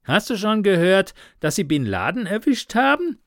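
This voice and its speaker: A man voicing a brash young man who banters loudly with his friend. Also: high voice, big pitch swings, normal speed, no echo, studio quality, voice pushed up, exaggerated voice. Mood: bantering.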